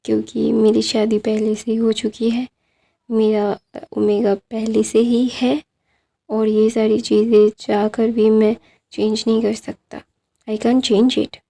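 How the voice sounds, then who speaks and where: A woman voicing a stern, cold adult husband with curt, flat replies in a fanfic retelling. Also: a little high, slow pace, gravelly, exaggerated voice.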